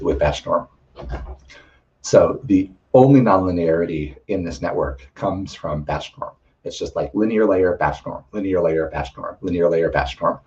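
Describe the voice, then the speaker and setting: Deep voiced guy giving a tech lecture, bit hoarse, lots of ums, muffled audio. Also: a little mellow. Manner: frequent ums and restarts, explanatory. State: slightly losing his voice. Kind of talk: technical lecture.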